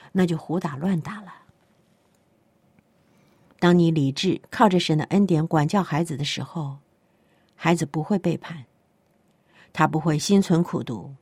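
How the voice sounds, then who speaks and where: A middle-aged woman preaching a sermon. She tells stories in a lively way and often asks the listeners questions. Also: fairly low pitch, husky, no room sound. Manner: lively storytelling that acts out dialogue. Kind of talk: sermon on parenting.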